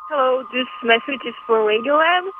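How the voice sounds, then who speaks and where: A woman's voice: sits high, animated, moderate pace, music in the background. A woman from Chile leaving a friendly voicemail as a listener, reading the credits. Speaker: listener caller. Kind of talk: voicemail message. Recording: tinny phone line with faint hiss.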